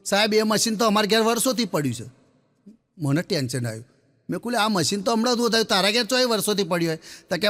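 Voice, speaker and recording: A man tells jokes as a stand-up comedian, his voice pitched high and carried by a long hall reverb. He chats along casually, laughs at his own lines and drops low to play the people in his stories. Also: a bit bright. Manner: chatty storyteller, laughing often, dropping low for the characters. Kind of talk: Gujarati joke-telling monologue.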